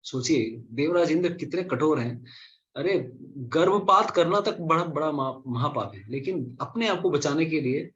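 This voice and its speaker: A man giving an animated storytelling lecture at a scripture class, asking and answering his own questions. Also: fairly high pitch, unhurried. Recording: slightly dull lo-fi recording.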